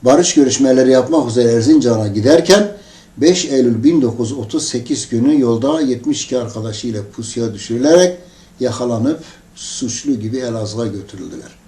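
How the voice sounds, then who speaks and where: A man's voice: mid-range voice, brisk, mellow. A man preaching to his congregation, telling a story with emphatic, rising outbursts. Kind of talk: impassioned storytelling sermon. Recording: echoey room, distant mic.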